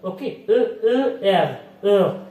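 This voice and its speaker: A woman with a Moroccan accent, teaching French reading slowly, repeating words and sounding them out. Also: mid-range voice, lively intonation, mellow, far from the mic. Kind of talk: reading lesson explaining French in Arabic. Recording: echoey room, voice off-mic.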